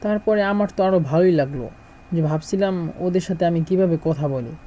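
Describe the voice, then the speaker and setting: A middle-aged man from Bangladesh, teaching a language lesson and repeating words slowly as he drills them. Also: a little high, dark tone, low-quality recording.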